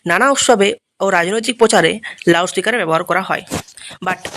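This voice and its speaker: Speaking quickly in a high, sharp voice, a Bengali-accented English teacher walks students through a text line by line, translating as he goes and tossing in short tag questions to confirm they're following. There's slight background noise.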